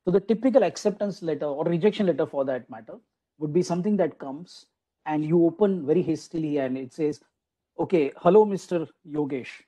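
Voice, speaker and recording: A man with a voice on the high side and a warm tone gives a brisk, conversational online lecture to teachers over a video call. He's a guest lecturer at a faculty development program and restarts often, sprinkling in "you know" asides. The recording quality is low.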